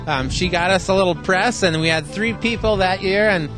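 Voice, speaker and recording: An American man giving a casual interview as an event organizer, modest and plain-spoken with a halting delivery. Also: high-pitched, music in the background.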